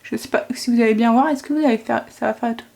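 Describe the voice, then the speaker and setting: Fast and chatty, this family vlogger and mother has a slightly high voice with a darkish tone and vocal fry. During her casual makeup tutorial she narrates each step with little interjections, often self-correcting, trailing off, and restarting.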